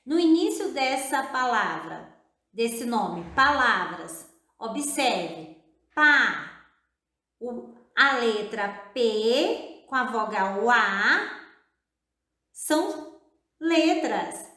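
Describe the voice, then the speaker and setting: Slow, patient woman teacher, echoey room. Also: on the high side, very animated, bright, forceful tone. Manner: slow, drawn-out, encouraging, often repeating and spelling out syllables. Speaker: primary school teacher. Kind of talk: recorded video lesson for children.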